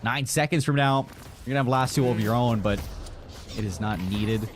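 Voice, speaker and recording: Energetic Canadian man calling esports. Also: mid-range voice. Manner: fast, energetic play-by-play. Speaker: esports caster. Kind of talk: live esports play-by-play. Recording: noisy broadcast mix.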